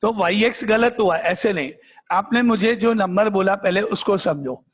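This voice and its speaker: A male math teacher with a notably high voice works through examples in front of a class, quizzing his students and repeating the same point until it sticks. The sound carries a long reverb, as in a bare classroom. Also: moderate pace. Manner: repetitive, drilling questions back at the class. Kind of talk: classroom lecture, questioning students.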